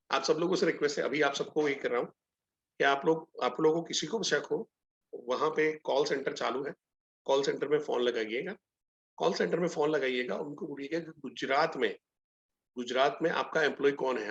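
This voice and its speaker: Guy w teaching sales on a webinar, kinda high voice, acts out the convos, dull lo-fi sound. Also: a little fast. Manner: animated storytelling, acts out both sides of dialogues. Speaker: sales trainer. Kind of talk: live online training session.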